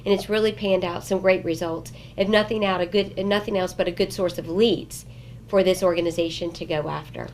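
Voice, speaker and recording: A woman's voice: fairly low pitch, fairly even intonation, fairly quick, a little mellow, a little hiss or hum. A woman with an American accent giving formal, explanatory answers as an executive interviewee. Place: office interview.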